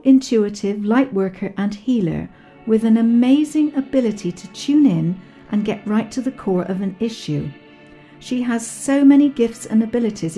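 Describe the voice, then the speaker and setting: An enthusiastic woman hosts a radio interview, gushing over her guest as she asks her questions. Her voice is mellow and dark, with faint music in the background. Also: a little high. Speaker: radio host.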